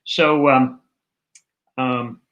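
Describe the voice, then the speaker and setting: A man's voice: mid-range voice, fairly even intonation, extremely slow, fairly bright tone, muffled recording. A man hosting casual political commentary, rambling and digressive with many fillers.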